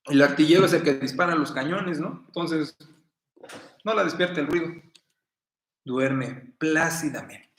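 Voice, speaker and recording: A middle-aged man with a Mexican accent preaching a sermon in a folksy, storytelling way, with sudden bursts of loud emphasis. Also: on the high side, unhurried, long pauses. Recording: roomy echo.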